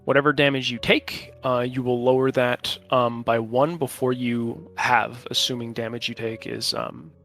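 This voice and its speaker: A man acting as game master, narrating and refereeing a tabletop role-playing game in an informal, halting way. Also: medium pitch, steady tone, vocal fry, fairly bright tone, soft background music. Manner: informal, halting while checking rules.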